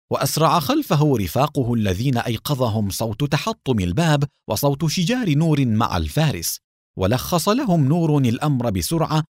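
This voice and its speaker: A man narrating an adventure story as an audiobook in an expressive, dramatic way. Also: mid-range voice, no room sound, studio quality.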